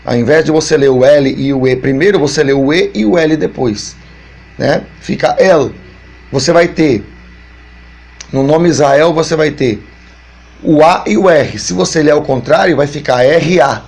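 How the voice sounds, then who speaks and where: Brazilian pastor guy teaching bible stuff, raspy voice, keeps repeating himself. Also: fairly high pitch, darkish tone. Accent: Brazilian Portuguese. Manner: explains slowly and repeats points, many fillers.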